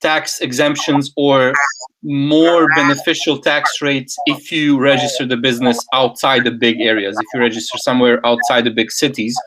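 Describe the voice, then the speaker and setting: Man from Serbia, co-host, measured and thoughtful in casual chat. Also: mid-range voice, noisy background. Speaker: co-host reading viewer questions.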